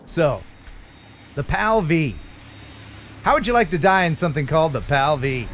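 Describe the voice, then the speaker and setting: High-pitched, animated man hosting. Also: normal speed, noisy background. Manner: joking, teasing. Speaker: live stream host. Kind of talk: casual chat.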